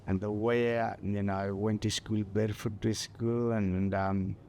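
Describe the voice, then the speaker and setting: A man in his forties from Nepal, speaking with a Nepali accent, talking haltingly with many fillers as a guest on a festival stage interview. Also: lowish voice, little pitch movement, darkish tone, a little hiss or hum. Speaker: guest mountaineer.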